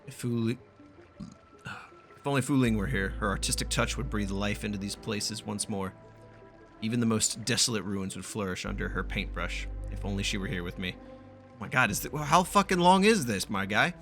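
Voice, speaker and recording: A gaming streamer plays through a game and reads its text aloud casually and profanely, stumbling at times. His voice is lowish and fairly bright at a moderate pace, over soft background music.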